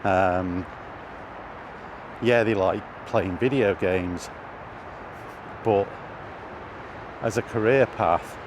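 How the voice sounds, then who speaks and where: Amid clear street and vehicle noise, a middle-aged British vlogger walks through an urban area, rambling casually and hesitating often as he thinks out loud. He speaks very slowly in a lowish voice, pausing frequently, in a noisy outdoor recording with traffic.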